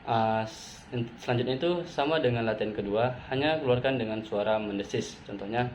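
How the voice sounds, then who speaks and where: A man's voice: medium pitch, a little fast. Man explaining theater voice exercises. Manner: methodical, demonstrates exercises aloud. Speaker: vocal training instructor. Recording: dull lo-fi sound, faint background noise.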